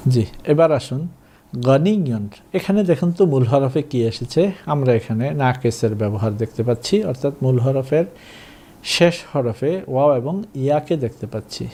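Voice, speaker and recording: A man teaching Arabic in a recorded lesson, slowly drilling and repeating words for learners to copy. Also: medium pitch, animated, dark tone. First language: Bengali.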